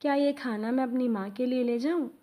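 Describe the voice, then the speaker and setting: A woman voicing a hungry little street boy who pleads softly and tearfully. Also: high voice, brisk, lightly acted. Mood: earnest.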